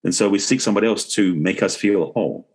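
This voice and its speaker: A middle-aged man, a relationship expert and author guesting on a podcast, explains things conversationally in an interview, often rewording his points. His voice is lowish, fast and a little mellow, with a breathy edge.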